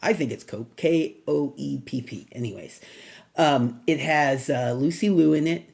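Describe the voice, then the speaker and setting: A man's voice: on the high side, measured pace, vocal fry, a little mellow. A middle-aged man giving a casual spoken movie review, rambling with many fillers and restarts.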